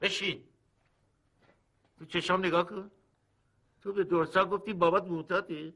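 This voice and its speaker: A man's voice: high-pitched, fairly even intonation, bright, forceful tone. An actor playing a stern father and older brother who scolds and commands.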